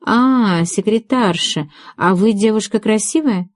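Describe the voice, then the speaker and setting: A woman's voice: mid-range voice, measured pace, no room sound, studio quality, close to an everyday voice. A woman reading the lines of a crude, sleazy man answering a phone call in an audiobook. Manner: blunt, sleazy.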